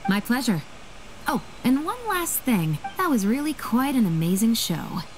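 An actress playing a poised, courteous young officer in a video game, speaking in a businesslike way. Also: female voice, on the high side, very animated, measured pace, rough recording.

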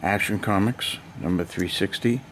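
An older male collector shows off his hoard in a casual home vlog, speaking in a deep, a bit bright voice at normal speed. Chatty and rambling, he lists items one after another in a cluttered basement storage room. The sound is noisy, coming from a handheld camera mic.

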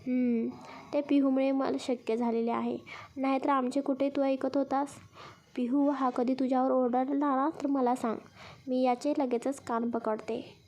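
A woman playing a fond, blessing mother-in-law, high and gentle. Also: level tone, a little slow. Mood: affectionate. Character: caring middle-aged mother-in-law.

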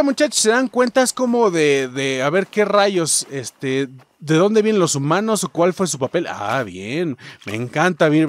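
A young man with a Mexican accent giving casual, jokey gameplay commentary, swearing freely and talking straight to his viewers. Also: mid-range voice. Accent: Mexican Spanish. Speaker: gaming streamer. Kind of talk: casual let's-play commentary.

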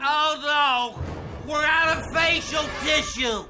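A man's voice: extremely high pitch, slow pace, over loud music. A man voicing a whiny male alien trainer who is sick with a cold and sounds congested.

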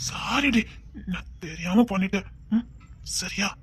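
A woman voicing a possessive, brooding young male hero in an audio drama, with a breathy voice and an intense, coaxing manner. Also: medium pitch, unhurried. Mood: soothing. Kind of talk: amateur audio drama acting.

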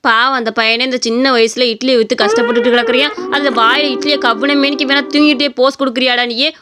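A woman's voice: high-pitched, fairly even intonation, fast, close to an everyday voice. A woman voicing a stern, protective old village grandmother in a cartoon story. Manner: scolding, stern.

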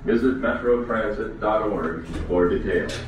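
A man giving a recorded transit announcement over a loudspeaker after a chime, formal and measured, in a station. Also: lowish voice, highs cut off, very noisy. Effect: chime then loudspeaker announcement. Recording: echoey loudspeaker from far off, loud music.

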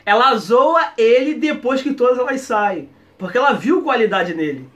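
Excitable high-voiced Brazilian guy. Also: normal speed. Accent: Brazilian Portuguese. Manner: excitable, laughs often, slangy. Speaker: anime reaction YouTuber. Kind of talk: casual reaction commentary.

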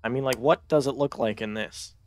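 A man's voice: medium pitch, brisk, slight background noise. A man chatting casually and joking with friends while playing a ghost-hunting game, with profanity and a laid-back manner. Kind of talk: casual gaming chat.

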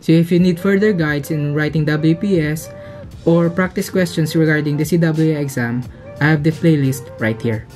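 A man's voice: on the high side, a little mellow, soft background music. A young man in his twenties teaching a welding calculation step by step, recorded at a desk webcam indoors. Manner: slow, step-by-step explaining. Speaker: welding instructor. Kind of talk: narrated whiteboard tutorial. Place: indoors, small room.

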